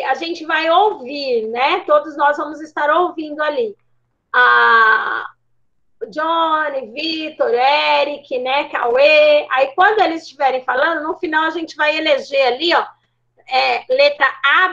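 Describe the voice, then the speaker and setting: A woman's voice: sits high, pushed and bright. A middle-aged Brazilian woman teaching an online class, explaining patiently and checking in with her students. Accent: Brazilian Portuguese. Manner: explanatory, checks in with frequent tags. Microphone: video call. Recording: dull lo-fi call audio.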